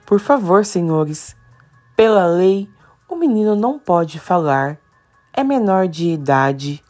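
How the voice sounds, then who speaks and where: Woman playing a stern male judge, formal, slow, low mellow voice, courtroom story. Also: sing-song, faint music behind.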